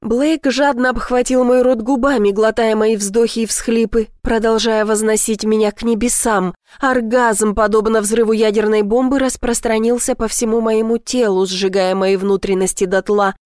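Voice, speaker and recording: A woman narrating a first-person romance audiobook in a soft, unhurried, intimate reading. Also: on the high side, steady tone, no room sound, clean studio sound.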